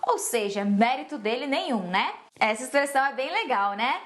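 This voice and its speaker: A woman's voice: high-pitched, lively intonation, normal speed, a bit bright. A woman teaching English in a casual, playful way, acting out sarcastic example phrases. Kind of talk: casual lesson to camera.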